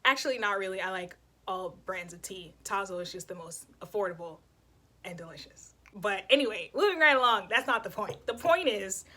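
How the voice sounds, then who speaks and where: A young woman hosts her vlog, narrating casually to camera in a mid-range, expressive voice with a sharp tone and brisk pace. She's chatty, leaning heavily on fillers like "you know" and "kind of."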